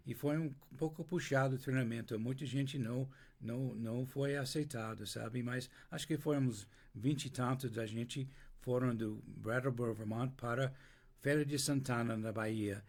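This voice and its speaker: Speaking Portuguese with an American accent, an older interview guest from the United States, whose first language is English, recounts his story slowly, with frequent restarts and pauses as he hunts for words. His mid-range voice is steady and darkish.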